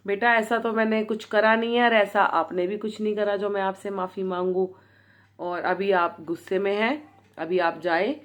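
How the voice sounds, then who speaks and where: A woman doing a gentle, patient old guru. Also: on the low side, natural voice. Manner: soft, patient, kindly.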